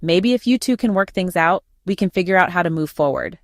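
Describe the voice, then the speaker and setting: A woman's voice: fairly low pitch, lively intonation, fairly quick, no room sound, clean studio sound. A woman reading the lines of a hopeful young husband who wants the family to get along, in a storybook reading. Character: hopeful young husband, eager to keep peace.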